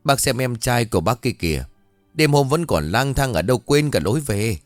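A man's voice: medium pitch, sing-song, moderate pace, no echo, soft background music, lightly acted. A man voicing a jealous, weepy middle-aged village wife who pleads through tears. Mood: tearful. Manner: tearful, wailing pleading.

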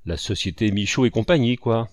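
A man's voice: fairly low pitch, brisk, a little mellow, no room sound, clean studio sound, close to an everyday voice. A man voicing a cynical greedy swindler. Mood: scheming. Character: cynical greedy male swindler, scheming partner.

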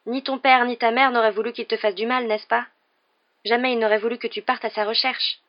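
A woman's voice: medium pitch, fairly even intonation, quick pace, voice pushed up, natural voice. An anxious, earnest teenage girl, voiced by a woman pleads in a raised, urgent voice. She sounds close to tears and insistent. The recording is dull and lo-fi. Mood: pleading.

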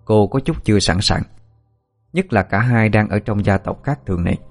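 A man with a low voice tells a dramatic story in steady, scripted narration. He, and faint music plays behind him. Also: moderate pace.

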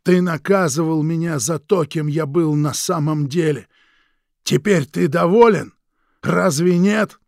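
A worn-out old man speaks low and slowly, often sinking into a breathy whisper, voiced by a male audiobook reader. His voice carries a gravelly edge, and the recording sounds dry and close to the mic. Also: darkish tone, no room sound. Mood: pleading, reproachful. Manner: tired, low, half-whispered. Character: weary old man, worn out and quietly refusing. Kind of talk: audiobook character reading.

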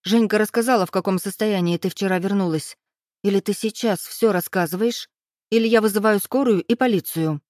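A woman's voice: mid-range voice, normal speed, a little mellow, dry recording, studio quality, lightly acted. A woman voicing a stern, bossy young woman friend, insistent and pushing. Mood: demanding. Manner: insistent, raised voice.

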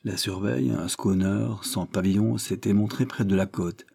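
A man narrating a historical adventure novel as an audiobook, measured and dramatic. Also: on the low side, steady tone, vocal fry, mellow, breathy edge. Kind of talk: scripted narration.

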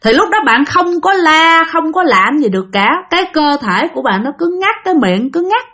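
Lively, animated woman telling a ghost story. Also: high voice, moderate pace. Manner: dramatic, addresses listeners directly.

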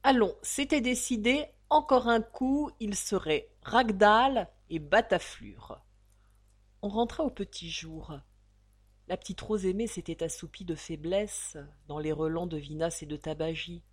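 Woman narrator, audiobook, expressive lively reading, middle pitch. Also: unhurried, no room sound. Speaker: audiobook reader.

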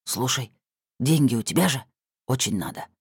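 A woman putting on a hoarse, brusque young woman. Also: sits low, sing-song, normal speed, mellow, dry recording, studio quality. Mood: urgent. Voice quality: hoarse giggly voice. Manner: brusque and demanding. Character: brash, pushy young woman chasing money.

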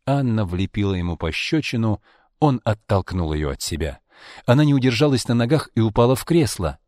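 A man reading an audiobook with steady, dramatic storytelling. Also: on the low side, fairly quick, no room sound, studio quality. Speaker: audiobook reader. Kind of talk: audiobook narration.

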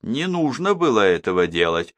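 A man's voice: on the low side, expressive, measured pace, a bit bright, no room sound. Man doing a stern old matriarch. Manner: stern, commanding.

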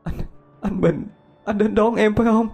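A man voicing a grieving young woman who pleads in a high, tearful voice. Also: normal speed, gravelly, a little mellow, soft background music.

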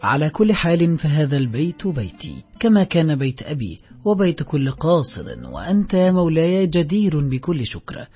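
A man's voice: a little high, very animated, moderate pace, darkish tone. A man playing a bitter ex-convict, pleading. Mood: hopeful. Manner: pleading, complaining. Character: grown man freshly out of prison, bitter and pleading. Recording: slightly dull recording, faint music.

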